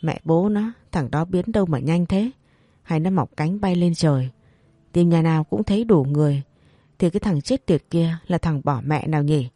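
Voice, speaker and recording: A narrator voicing crude, swearing village patrolmen, raised a bit higher. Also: normal speed, warm tone, dry recording, studio quality, close to an everyday voice. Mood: cursing. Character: coarse rowdy village patrolmen, men.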